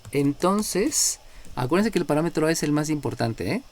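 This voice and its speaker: A man's voice: a little high, expressive, normal speed, slight background noise. A man with a Mexican accent lecturing as a math teacher in a live class, explaining step by step and checking in with his students. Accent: Mexican Spanish. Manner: explanatory, checks in with frequent "¿no?", calls on students by number.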